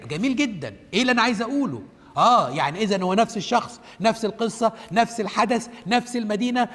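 A man's voice: high-pitched, a bit bright, big-room sound. A man with an Egyptian Arabic accent teaching the Bible on television, asking himself questions and answering them, repeating each point step by step.

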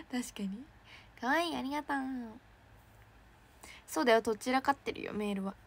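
A young woman, an idol trainee, chatting casually on a livestream and reacting excitedly to fan messages. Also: high-pitched, moderate pace, vocal fry. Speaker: idol trainee streaming to fans.

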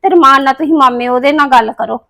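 A woman's voice: high voice, quick pace, creaky, sharp tone, heavily acted. A woman playing a practical daughter explaining events to her worried mother in a family drama. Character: young woman reasoning calmly with her mother.

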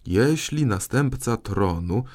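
A man's voice: fairly low pitch, animated, takes it slowly, a little mellow. A man voicing a pedantic older male justice minister who recites legal paragraphs with fussy precision.

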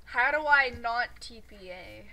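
A woman chatting loudly and dramatically while playing a game with friends, laughing and protesting. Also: on the high side, expressive, unhurried. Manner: loud, giggly, dramatic protests. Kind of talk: casual gameplay chat. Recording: noisy game-chat audio.

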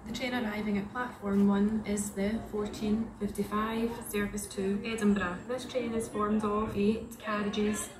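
A woman's voice comes over a train station loudspeaker, reading out stops and platforms in a measured, evenly paced way. It rings through a roomy space and is heard from well off the mic. Heavy, loud noise sits under the whole announcement. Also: mid-range voice, level tone, distant mic. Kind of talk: recorded public address announcement.

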